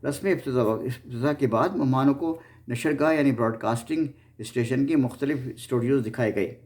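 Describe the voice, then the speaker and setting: A man with a Pakistani accent hosts an informal history narration series, speaking briskly in a medium-pitched, slightly mellow voice. He often stumbles and repeats his words as he goes along.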